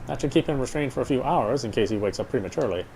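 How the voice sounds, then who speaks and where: A let's player gives a dramatic reading of visual novel narration, occasionally stumbling over words. His medium-pitched voice is animated and racing. The poor audio has a little hiss or hum, with loud game music playing underneath.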